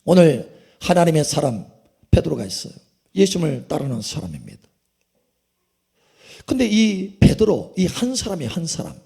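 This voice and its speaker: A man's voice: big pitch swings, moderate pace, creaky, pauses often, warm tone, husky. A man preaching a sermon as pastor, with emphatic swells in his delivery. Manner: emphatic preaching, sweeping pitch swings.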